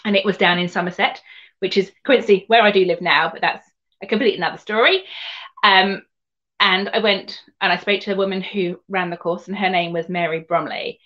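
A woman's voice: medium pitch, brisk, fairly bright tone, muffled recording. A woman from Surrey with a southern English home counties accent, telling her story conversationally as an interview guest, rambling and rephrasing as she goes. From Surrey, England. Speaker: guest, equine sports massage therapist.

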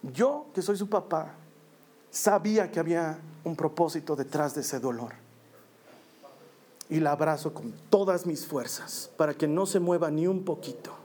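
A man, preaching a personal testimony in an earnest storytelling manner, slowing down on key phrases. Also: fairly high pitch, expressive, a little mellow, husky.

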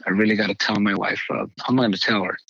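An older man, a pastor, telling a personal testimony in halting conversational speech, acting out the voices he quotes. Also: on the low side, fairly even intonation, bright, forceful tone, husky, no room sound, muffled recording. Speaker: pastor, guest.

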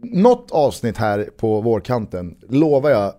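A man's voice: mid-range voice, wildly swooping pitch, mellow. Casual man podcaster with a darker voice. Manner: informal, mild swearing. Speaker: podcast co-host. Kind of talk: casual football podcast chat.

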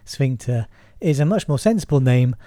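Mellow male co-host, explains clearly with a light playful touch. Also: mid-range voice, expressive, moderate pace. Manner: playful, explains terms plainly. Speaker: podcast co-host, clinician. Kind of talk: casual educational chat.

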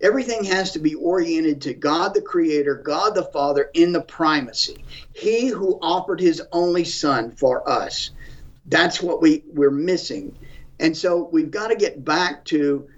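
A man giving forceful, preacherly commentary on a talk show, repeating phrases for emphasis. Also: a little high, measured pace. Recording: distant, dull lo-fi audio.

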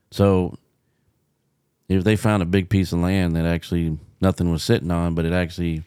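Deep smooth-voiced man, folksy podcast chat. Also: dark tone, dry recording, clean studio sound. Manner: conversational, repeats words, folksy. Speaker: podcast co-host, paranormal investigator. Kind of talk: casual chat.

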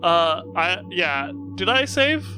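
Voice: mid-range voice, sing-song, slow. A player chatting casually during a tabletop role-playing game. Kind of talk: casual gaming chat.

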